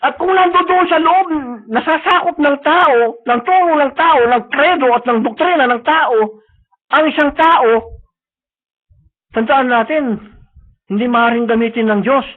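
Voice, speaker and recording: High-voiced preacher on a lo-fi stream. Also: male voice, a little slow. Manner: mixes Tagalog and English, frequent tag questions. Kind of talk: sermon. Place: church service. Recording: lo-fi phone-like live stream.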